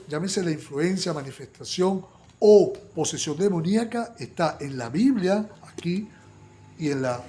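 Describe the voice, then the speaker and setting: A male preacher with a fairly high voice delivers a fervent Bible study sermon. He stumbles into repeated words and restarts, then rises into loud, urgent stretches before dropping back to quiet, intimate asides. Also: a little hiss or hum. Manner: fervent, many restarts and repetitions, swings between loud bursts and quiet asides.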